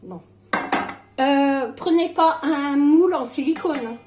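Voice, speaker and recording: Woman w no dentures in, mushy speech, highish voice, rambly cooking vlog, noisy kitchen. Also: slow, roomy sound. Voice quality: toothless, slurred articulation from missing dentures. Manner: rambling, hesitant, often breaking off mid-sentence. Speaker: home cooking vlogger. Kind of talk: casual recipe demonstration, chatty. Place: at home in a kitchen.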